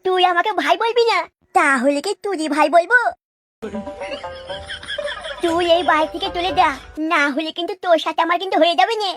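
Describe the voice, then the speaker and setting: A cheeky little boy, speaking in a very high, squeaky cartoon voice. He bickers and boasts in a comic sketch, trading threats with his brother. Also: normal speed, pauses often, a bit bright, soft background music. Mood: bickering.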